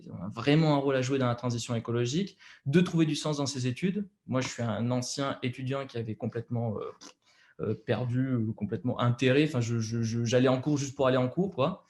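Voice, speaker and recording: Young man, French accent, halting with fillers, slide presentation, video call. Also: mid-range voice, steady tone, a little mellow. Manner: hesitant, many fillers and restarts.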